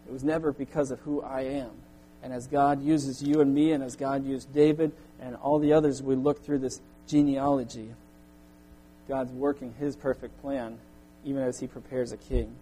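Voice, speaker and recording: A man preaching a sermon in earnest, his voice climbing loud when he echoes the crowd's cries. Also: mid-range voice, level tone, normal speed, slight background noise. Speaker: pastor.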